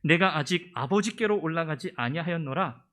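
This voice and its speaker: A male pastor voicing a solemn risen teacher who speaks in a calm, measured way. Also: fairly high pitch.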